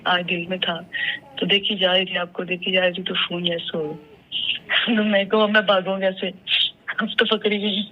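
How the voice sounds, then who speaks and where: A woman from Pakistan calling in on the phone to give a halting, earnest, self-reproaching testimony. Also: on the low side, little pitch movement, dull audio. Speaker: caller giving testimony. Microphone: phone line.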